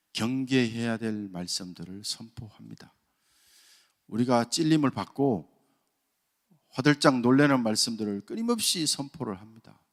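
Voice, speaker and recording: A middle-aged man, a church elder, preaching a dawn service sermon and telling his own testimony with rhetorical questions and self-deprecating humor. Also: on the low side. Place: church sanctuary. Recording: long reverb of a church hall.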